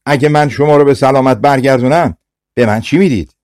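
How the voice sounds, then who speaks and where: A man voicing an old witch who shouts her demands over a storm, in a dry studio audiobook recording. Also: medium pitch, expressive, dry recording, natural voice. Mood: demanding.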